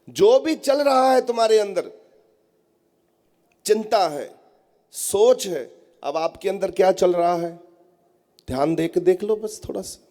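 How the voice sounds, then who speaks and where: High-pitched, mellow man preaching earnestly. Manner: earnest, coaxing, addresses the congregation directly. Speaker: spiritual teacher. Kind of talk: devotional sermon. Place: prayer hall at a gathering.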